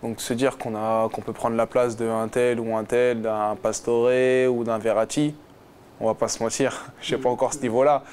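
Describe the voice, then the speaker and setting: A guest footballer in his twenties speaks in a mid-range, level, slightly mellow voice at normal speed, with a little hiss or hum. He handles the interview casually and hesitantly, with frequent fillers and restarts.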